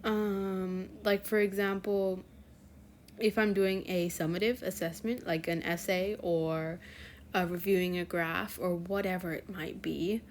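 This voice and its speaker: A teenage girl runs her own fanfiction channel and chats casually with viewers, rambling and correcting herself with plenty of fillers. Her voice sits on the low side, with a slight hiss or hum in the background.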